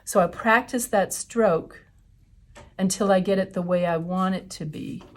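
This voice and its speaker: A woman's voice: mid-range voice, a little slow. Chatty woman teaching watercolor. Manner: chatty, explains steps while painting. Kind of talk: live class demonstration.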